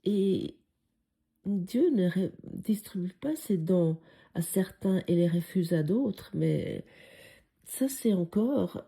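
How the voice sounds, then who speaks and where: A woman's voice: lowish voice, expressive, slow pace, creaky, dark tone. A woman with a foreign French accent tinged by Swiss speech, teaching a spiritual lesson in a musing, hesitant way with frequent fillers. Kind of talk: reflective spoken lesson.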